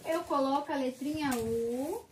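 A woman with a Brazilian Portuguese accent teaching a kindergarten class, drawing out each syllable slowly for small children. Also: high-pitched, roomy sound, distant mic, a little hiss or hum. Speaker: preschool teacher. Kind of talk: slow sing-song kindergarten lesson. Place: school classroom.

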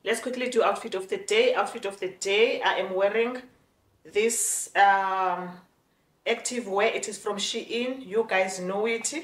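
A woman's voice: medium pitch, fairly even intonation, measured pace, noisy background. A woman in her forties with a South African Xhosa accent, chatting frankly to camera in a casual vlog and mixing in Xhosa phrases. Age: 40s. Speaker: vlogger. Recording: echoey room with faint music.

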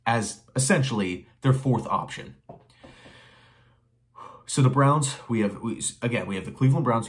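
A man's voice: lowish voice, creaky. A young man giving emphatic, opinionated commentary straight to camera from a small bedroom, firing off rhetorical questions and repeating phrases for emphasis. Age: young adult. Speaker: sports commentary vlogger. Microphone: webcam or phone facing him at desk.

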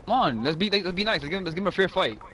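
Brief: young male gamer, hyper and stammering, keeps chanting the same line, high lively pitch. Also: racing. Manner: excitable, chanting phrases over and over, stammering. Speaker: gamer in party chat. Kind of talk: casual gaming chat.

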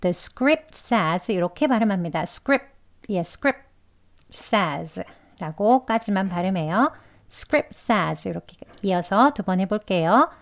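Female phonics teacher, unhurried, medium pitch, patient drill style. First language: Korean. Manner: patient, repeats example sentences slowly. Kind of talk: slow spoken lesson.

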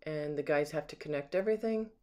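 Fast and dark in tone, a mid-range voice delivers an unscripted, casual walkthrough of an empty house's rooms. The home sales agent holds the camera indoors, admiring and describing features item by item.

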